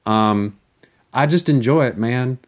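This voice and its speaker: A man's voice: medium pitch, slow pace. A man delivering a rambling, profane comic monologue, repeating words and stammering as he goes. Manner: crude, foul-mouthed.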